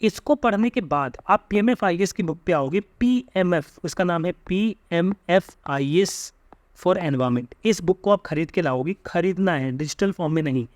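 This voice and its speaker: Young Indian male guide, insistent tutor delivery, high-pitched, dry recording. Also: lively intonation, moderate pace, dry recording. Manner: emphatic, repeats tag questions like "theek hai". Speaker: exam coaching guide. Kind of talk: direct-to-camera study advice.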